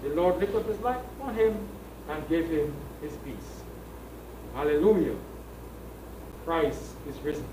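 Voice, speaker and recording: A middle-aged priest with a notably high voice for a man leads solemn funeral prayers. He reads formally and with measure, pausing between phrases. He is heard from a distance in an echoey room with clear background noise. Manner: measured, formal reading with pauses. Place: small indoor funeral service room.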